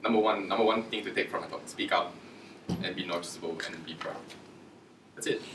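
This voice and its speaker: A man's voice: sits low, background noise. A man giving a casual career talk to students, chatty and informal, acting out quoted dialogue in raised voices. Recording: echoey room, distant from mic.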